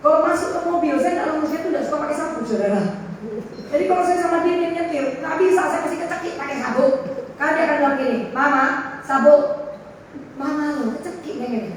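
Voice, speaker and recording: High-voiced woman preaching in an echoey hall. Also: fast. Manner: lively preaching, acting out family dialogue, calls for amen. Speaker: pastor. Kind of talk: sermon. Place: church hall. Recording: very echoey hall from far off, faint noise.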